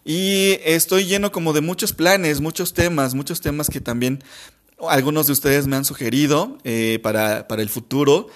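Male podcast host, gentle repeated phrasing. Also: fairly high pitch, moderate pace. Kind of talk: personal podcast talk leading a guided meditation.

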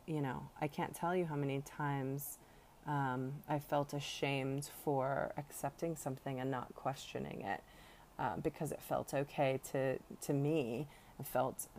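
Low-voiced woman musing earnestly. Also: a little mellow, a little hiss or hum. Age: 40s. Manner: earnest, rambling, many fillers. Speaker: podcast host. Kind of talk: reflective spiritual monologue.

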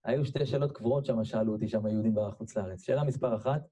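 Male sermon storyteller, warm and relaxed tone, jumps high for quoted voices. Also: slightly rough. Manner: animated, voice leaps high when acting out quoted people; repeats phrases, addresses listeners directly. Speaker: religious speaker.

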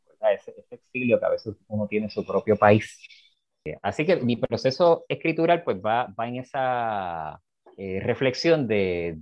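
A Puerto Rican man speaking in a lowish voice, thinking aloud with many small fillers and tags. The sound is dry, with no room in it, and a little muffled and dull. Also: no room sound. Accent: Puerto Rican Spanish. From Puerto Rico. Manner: thoughtful, searching, many fillers like "pues" and "¿verdad?". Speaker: writer and poet, interview guest. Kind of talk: reflective interview talk.

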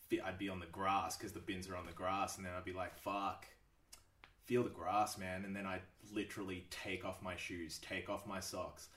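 A man's voice: sits low, pushed and bright, roomy sound, distant mic. A man talking casually as a podcast guest. He swears freely and laughs often. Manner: laid-back, swears a lot, laughs often. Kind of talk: casual chat.

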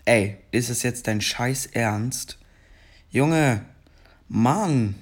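A young man with a scratchy voice giving casual commentary while playing a game, rambling, then breaking into frustrated outbursts. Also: medium pitch. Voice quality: scratchy morning voice. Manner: frustrated outbursts between slow chatter. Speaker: gaming video creator.

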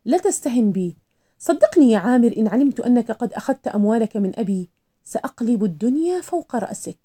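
A woman's voice: a little high, big pitch swings, fast, mellow, husky. A woman voicing a young heiress who sharply accuses a man of deceiving her father. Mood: accusing.

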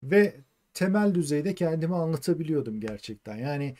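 A man from Turkey co-hosting a casual chat, calmly reading out and answering viewer questions. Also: on the high side, fairly quick. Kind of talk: casual live-stream chat.

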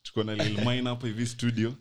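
A man's voice: mid-range voice, flat delivery, fast, crowd noise. A young man with a Kenyan accent hosting a casual podcast, talking in slangy mixed Swahili and English. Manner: slangy, code-switching between Swahili and English. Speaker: podcast co-host.

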